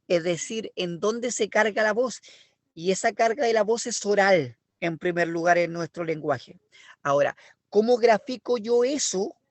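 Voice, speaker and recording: Chilean guy teaching a language class, keeps asking if you get it, kinda high voice, dry sound. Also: dry recording. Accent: Chilean Spanish. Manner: explanatory, checks understanding with "¿ya?" and "¿me explico?". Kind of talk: online class lecture.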